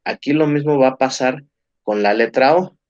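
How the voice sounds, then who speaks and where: A man's voice: mid-range voice, moderate pace, darkish tone. A man teaching an English grammar lesson, explaining patiently with frequent check-ins to the class. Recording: dull, muffled lo-fi sound.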